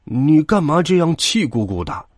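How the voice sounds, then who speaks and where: A man's voice: on the high side, sing-song, normal speed, no echo, studio quality, voice pushed up. A man voicing a grumbling, grudging old grey dog who runs the post office.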